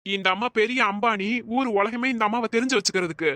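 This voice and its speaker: A woman voicing a blunt, stubborn village gardener man in a cartoon, talking in gruff, blunt retorts. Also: mid-range voice, quick pace, fairly bright tone, no echo, natural voice. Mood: cranky. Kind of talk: cartoon voice acting.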